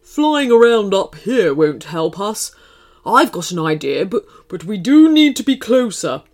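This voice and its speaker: A woman voicing a calm, patient male ice dragon in a storybook reading. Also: medium pitch. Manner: measured and reassuring.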